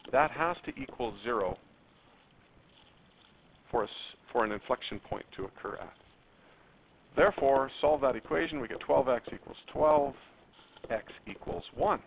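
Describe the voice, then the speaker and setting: A man's voice: medium pitch, unhurried, creaky, pauses often. A man teaching a math lesson to his class, drawing out words and jumping up on key terms while talking straight to his students. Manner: lively, stretches words, spikes up on key terms; addresses students directly. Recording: tinny lo-fi phone-like classroom recording, faint noise.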